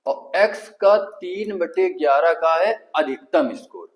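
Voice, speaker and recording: A man's voice: fairly high pitch, slow pace, low-quality recording. A man with a Kanpuri Hindi accent teaching an exam-prep math lesson, asking the class questions and answering them himself step by step.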